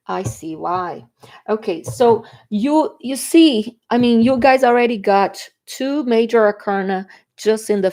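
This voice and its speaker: With a mid-range, slightly mellow voice, a Brazilian woman who speaks Portuguese natively and has a Brazilian Portuguese accent does a chatty tarot reading to camera. She checks in with her viewers often.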